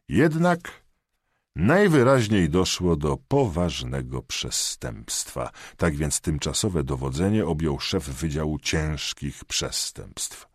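Man narrating thriller audiobook, very deep voice, husky, lively intonation, dry close sound. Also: no room sound. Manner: measured, expressive reading.

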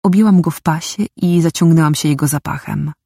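Audiobook narrator, woman, husky, dry close read, even and intimate. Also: deep voice, fairly quick, no echo. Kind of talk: scripted first-person narration.

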